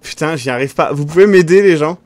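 A man running a live tabletop game, flustered and swearing, asking others to be quiet while he thinks. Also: on the high side, fast, no echo. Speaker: game master. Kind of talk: casual live-stream game chat.

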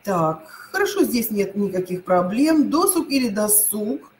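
A woman's voice: medium pitch, very animated, a little mellow, rough recording. Woman teacher online, says each word twice, lots of uh, slight hiss behind. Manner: repeats each word pair slowly, many hesitations. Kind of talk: online lesson.

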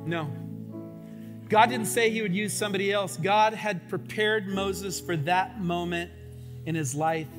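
A man preaching a sermon from a church stage. He speaks in an informal, earnest way, uses a high, youthful surfer-kid voice, and often says "like" and "um". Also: a little slow, music in the background. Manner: informal and earnest, acts out his own prayers. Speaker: pastor. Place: church sanctuary.

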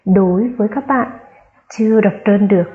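A woman's voice: mid-range voice, normal speed, narrow, tinny audio. A woman primary school teacher giving a careful phonics lesson to young children, spelling out sounds aloud and stressing key words.

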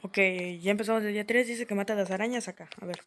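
A woman giving let's-play commentary as a gaming host, excitable, yelping and laughing when startled. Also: mid-range voice, fast, noisy background.

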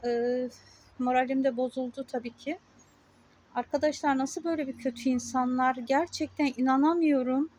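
A woman's voice: high voice, a little mellow. A woman vlogging outdoors in casual talk, speaking indignantly in short, emphatic, repeated phrases. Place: outdoors on a street.

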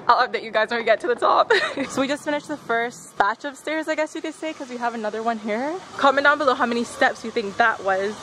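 A woman's voice: on the high side, normal speed, sharp tone. A young woman making playful comments to viewers of a travel vlog. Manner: playful, breathless asides. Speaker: vlogger. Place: outdoors in a busy city. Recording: noisy street with crowds.

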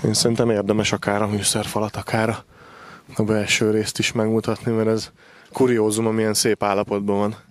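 This farm machinery dealer, a man in his forties, presents stock unscripted in an outdoor gravel yard, hesitating and repeating himself. His voice sits low with a level tone, captured dry on a handheld microphone fitted with a windscreen.

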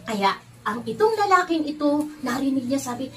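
A woman teaching Sunday school tells children a story in an animated way, speaking to them directly and acting out the characters' lines. Her voice is high-pitched, at a normal speed.

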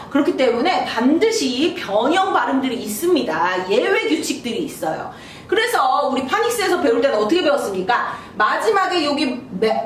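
Woman English teacher, animated and high, drawing out sounds slowly; echoey room, voice off mic. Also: recorded from a distance, slight background noise. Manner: lively, sounds out syllables slowly, acts out student questions. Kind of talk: basic English lesson.

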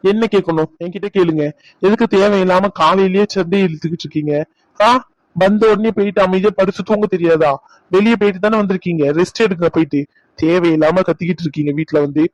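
A man's voice: sits high, fast, dry recording, close to an everyday voice, poor audio. A man voicing an irritated grown son, a young doctor, talking back to his father. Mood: defiant. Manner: defiant, exasperated. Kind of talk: cartoon dub acting.

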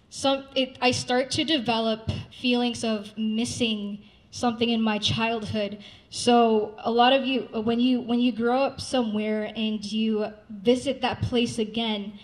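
A young woman from Saudi Arabia, speaking casually at a live event to introduce a song, relaxed, with fillers and restarts. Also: a little high, poor audio. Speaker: singer-songwriter introducing a song. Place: dim rooftop event room with city windows. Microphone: handheld mic, filmed by a far camera.

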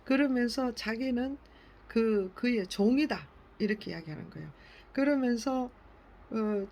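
A woman leading a Bible reading. She reads scripture aloud carefully and often corrects herself. She explains the passages in a gentle, admiring way. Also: fairly high pitch.

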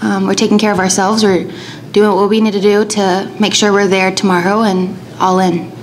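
A young woman college pitcher answers reporters in a casual, loose way, dotting her answers with filler words. She speaks into a table mic, and a faint hum sits behind her. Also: level tone, normal speed. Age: young adult. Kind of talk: postgame press conference answers. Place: press conference room.

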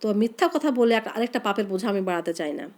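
A young woman with a voice hoarse from a cold, chatting in a heartfelt, rambling way while she cooks. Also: on the high side, lively intonation, racing, darkish tone. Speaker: cooking vlogger. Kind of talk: casual chat while cooking.

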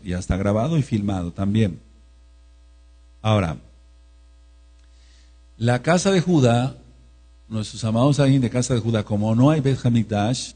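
Emphatic preacher man, dark husky voice. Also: fairly low pitch. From Mexico. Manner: emphatic, repeats phrases, call-and-response. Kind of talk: sermon.

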